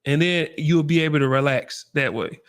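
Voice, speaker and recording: A man's voice: a little high, moderate pace, smooth. Laid-back middle-aged man giving advice. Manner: relaxed, encouraging, folksy. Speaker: livestream host. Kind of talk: casual livestream chat.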